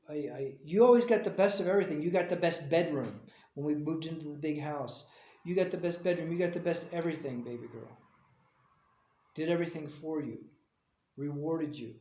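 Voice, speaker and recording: A man's voice: on the high side, echoey room, low-quality recording. A middle-aged man, a father speaking earnestly to his estranged child in a personal video message, pleading and insistent. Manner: earnest, pleading, drifts between soft mumbling and heated insistence.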